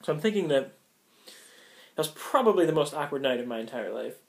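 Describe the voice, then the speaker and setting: A man's voice: a little high, animated, brisk, creaky. A young American man telling a story casually, rambling with many fillers and frequent laughs. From United States. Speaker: vlogger.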